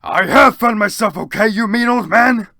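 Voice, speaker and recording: A man voicing a melodramatic, angry, brooding goth wizard in a gravelly, husky, strained, declaiming voice. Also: high voice, moderate pace, bright, forceful tone, no echo, clean studio sound, voice pushed up, full character voice.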